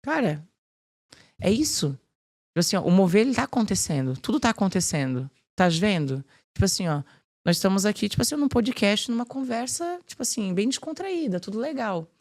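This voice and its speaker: Animated woman sharing her faith. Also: medium pitch, brisk. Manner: animated, fills speech with "tipo assim". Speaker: podcast guest. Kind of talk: casual faith conversation.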